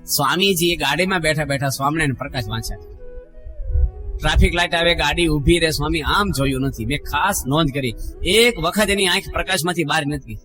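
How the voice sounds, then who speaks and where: A man's voice: fairly high pitch, fairly quick, sharp tone, faint music behind. A middle-aged man, a monk giving a sermon full of stories and acted-out quotes. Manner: storytelling, acting out quotes, rises and drops in voice. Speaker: monk giving a religious discourse. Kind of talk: sermon with anecdotes.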